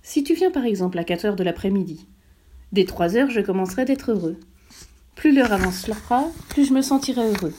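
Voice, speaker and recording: A woman voicing a wise, gentle fox in a storybook reading, calm and measured as it explains. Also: medium pitch, a little hiss or hum, close to an everyday voice. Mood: patient.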